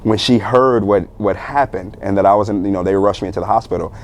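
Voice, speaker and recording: Deep-voiced young man telling a story. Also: quick pace, a little hiss or hum. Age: young adult. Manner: animated, laughing retelling with many fillers. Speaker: guest. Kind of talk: casual storytelling interview.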